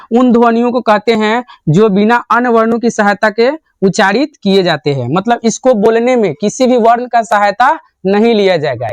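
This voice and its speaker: A man's voice: high-pitched, clean tone, no echo. A young man teaching grammar in a classroom lecture style. He asks a question, answers it himself and repeats the answer.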